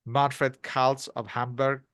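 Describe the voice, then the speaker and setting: A man's voice: medium pitch, little pitch movement, takes it slowly, a bit bright, dry recording. A man co-hosting a podcast interview, asking questions and reading out team lineups and statistics. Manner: reads lineups and stats in listing fashion. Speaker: podcast co-host.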